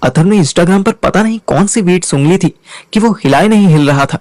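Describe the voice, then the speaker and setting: A man's voice: high-pitched, fairly quick, darkish tone, dry recording. A young man narrating a first-person story in a wry, conversational way.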